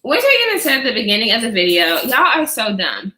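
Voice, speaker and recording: Sassy woman vlogger, animated delivery, blunt takes, roomy echo. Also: on the high side, fast. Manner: blunt, sassy, laughs often. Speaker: vlogger reacting to viewer comments. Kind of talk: casual chatty commentary.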